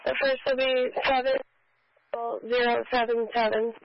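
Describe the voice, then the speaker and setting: Woman, patrol officer on a police radio, signal cutting out, distant and muffled, flat terse delivery. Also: fairly high pitch, moderate pace. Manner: terse, reads plates and radio codes. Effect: radio transmission cutting out mid-call.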